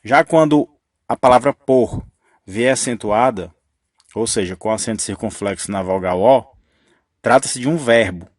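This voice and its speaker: Patiently and step by step, a man explains grammar rules, restating the key point again and again. His voice sits in an ordinary middle range, unhurried, and the recording is dry and close with no room sound.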